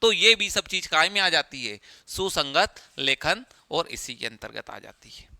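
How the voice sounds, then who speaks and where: Bright, crisp-voiced male teacher. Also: on the high side, sing-song, unhurried, dry recording. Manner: explains step by step, repeats key phrases, asks rhetorical questions. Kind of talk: exam-prep lecture.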